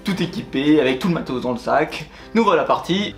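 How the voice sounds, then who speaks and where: A man's voice: fairly high pitch, animated, fairly quick. A man narrating a vlog in a casual storytelling style. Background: soft plucked guitar music.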